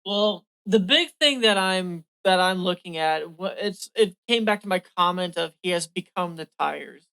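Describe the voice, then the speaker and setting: A woman appearing as a guest on a casual podcast chat. She jokes in a dry, deadpan way and pushes back bluntly in the banter. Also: lowish voice, normal speed, clear, resonant tone. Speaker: guest, artist.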